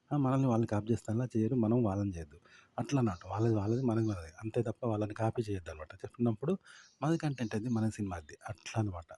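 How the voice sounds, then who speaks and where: A man's voice: on the low side, dark tone, slightly rough. A man with a Telangana Telugu accent giving informal advice, emphatic and repetitive, often asking rhetorical questions. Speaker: content-making tips presenter.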